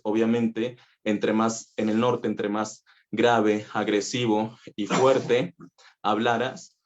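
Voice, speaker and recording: A low-voiced man with a Mexican Spanish accent gives a relaxed, conversational talk as a voice teacher. He uses plenty of fillers and asides. The recording sounds dull and lo-fi. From northern Mexico (Coahuila). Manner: conversational, many fillers, laughs easily. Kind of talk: conference talk.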